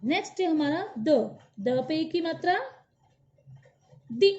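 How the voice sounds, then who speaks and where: A woman's voice: high-pitched, expressive, slow, a little mellow. A woman teaching a children's Hindi alphabet lesson, patiently repeating each syllable aloud for the class to follow. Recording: dull lo-fi recording.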